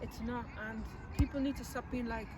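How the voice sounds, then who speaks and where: Woman in her twenties, Dublin accent, higher-pitched voice, animated casual chat, clear outdoor noise. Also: fairly quick. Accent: Dublin Irish. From Ireland. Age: 20s. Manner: animated, chatty, quoting others in imitation. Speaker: youth organisation co-leader. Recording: noisy outdoor urban recording, distant mic.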